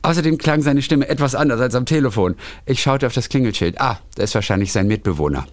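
A man co-hosting a podcast, chatting casually and reading listener stories aloud in an animated way. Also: medium pitch, fast talker, noisy background. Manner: animated storyteller, lively intonation.

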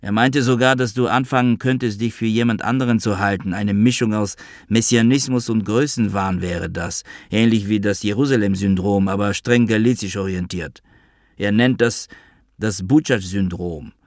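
A man's voice: on the low side, normal speed, dry recording, clean studio sound, lightly acted. A man reading the part of a self-important elderly father who was once a double agent, wheedling and boastful. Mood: scolding.

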